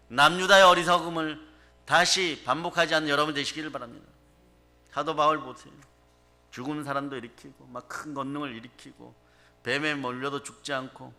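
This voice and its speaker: A male pastor delivers a sermon with a very bright, forceful tone. His pitch sits a little high, and he keeps turning to the congregation to drive his points home. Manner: emphatic preaching, calls out to the congregation.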